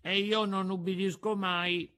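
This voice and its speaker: A man voicing a mischievous, impulsive wooden boy puppet in a storybook reading, in a high, excitable, pleading voice. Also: measured pace, clean tone. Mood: eager.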